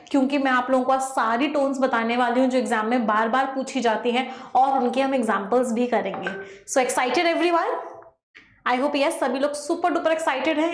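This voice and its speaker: A woman teaching an exam-prep lesson in a lively way, asking the class rhetorical questions. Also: sits high, roomy sound. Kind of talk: online lesson.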